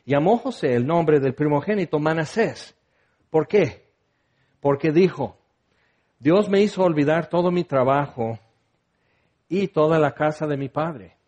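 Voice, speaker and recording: A man with a Mexican accent delivers a conversational sermon in a slightly high voice. He is animated, climbs for emphasis, then sinks to a near hush. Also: a little slow, pauses often, muffled recording. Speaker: preacher.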